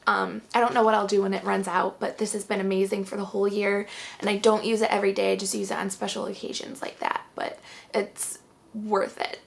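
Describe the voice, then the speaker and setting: Breathless woman with a gravelly fry. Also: mid-range voice, level tone, fast talker. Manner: chatty, fillers like "um" and "like". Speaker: beauty vlogger. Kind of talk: casual product review.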